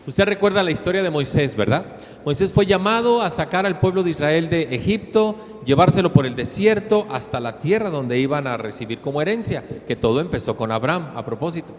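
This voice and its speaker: Mexican pastor preaching in a reverberant hall. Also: male voice, on the high side, lively intonation, fairly quick. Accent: Mexican Spanish. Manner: preaches with rising, emphatic storytelling and acted-out quotes. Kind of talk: sermon.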